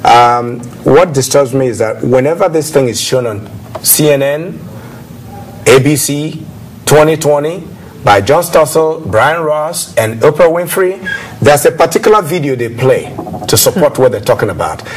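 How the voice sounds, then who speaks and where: A man hosting a TV talk show, speaking haltingly with many fillers. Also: on the high side, animated, a little hiss or hum. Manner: hesitant, many filler sounds.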